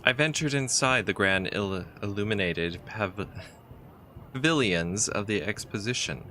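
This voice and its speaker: Deep-voiced man reading a game aloud. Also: animated, pushed and bright, a little hiss or hum. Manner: casual, chatty, with halting restarts while reading. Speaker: game player. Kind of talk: let's play, reading game text aloud.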